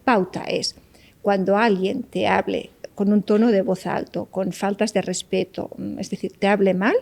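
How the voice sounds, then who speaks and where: A woman's voice: mid-range voice, steady tone, normal speed, creaky, darkish tone. A woman psychologist, explaining ideas in an interview and often checking in with "¿vale?". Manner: didactic, keeps checking with "¿vale?". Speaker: psychologist guest.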